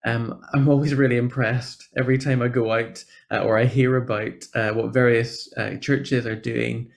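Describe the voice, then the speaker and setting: A man from Northern Ireland, a church programme officer appearing as a guest speaker, presents informally to an online meeting over what sounds like a video call. His mid-pitched, level voice has a noticeable creak, and he speaks at a normal speed in an encouraging, appreciative way.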